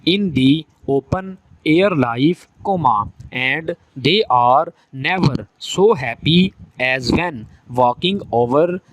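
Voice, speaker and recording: A man dictates a passage for shorthand learners at a slow, deliberate pace. His voice sits slightly high for a man, and he breaks the text into short phrases, speaking each punctuation mark aloud. The recording is dry and close, with very little room sound. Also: no room sound, low-quality recording.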